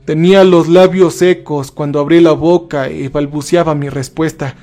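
A man with a notably high voice narrates a first-person horror story. He tells it steadily and lifts his pitch further when he speaks the characters' lines. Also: fairly even intonation, normal speed, mellow.

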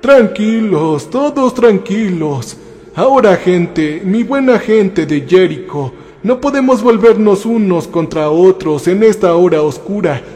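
A man's voice: sits high, expressive, moderate pace, dark tone, in a large hall. A man voicing a village pastor who addresses an angry crowd in a narrated horror story. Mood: pleading calm. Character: solemn male village pastor calming a mob.

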